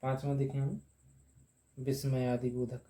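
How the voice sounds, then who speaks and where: This grammar teacher has a mellow, mid-range voice and a flat delivery. He answers questions he asks himself and slowly repeats each term as he writes it on the board.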